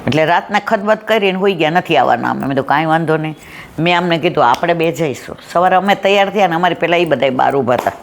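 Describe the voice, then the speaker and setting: A woman's voice: sits low, fast talker, gravelly, a little hiss or hum. Middle-aged woman telling a devotional story. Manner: conversational, asks the audience if they follow. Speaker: satsang speaker.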